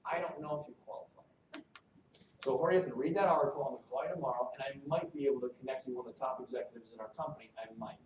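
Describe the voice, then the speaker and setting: A man's voice: fairly high pitch, lo-fi sound. Man, recruiting trainer, salesy, joking, live talk, distant mic, echoey room, faint room hum. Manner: animated, salesy, joking with the audience. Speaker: recruiting trainer speaking to a team. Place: meeting room at a regional event.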